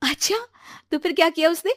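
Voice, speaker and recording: A woman's voice: very high-pitched, fairly quick, fairly bright tone, dry recording, clean studio sound, voice pushed up. A woman voicing a carefree young college woman who chatters in a breezy, slangy way in a cartoon story.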